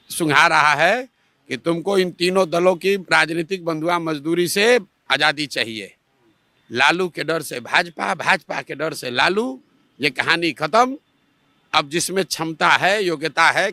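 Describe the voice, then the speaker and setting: A forceful man argues his side in a political interview. He fires off rhetorical questions in a bright, tense, somewhat high voice. The sound is close and dry. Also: dry recording. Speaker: interviewee, party supporter.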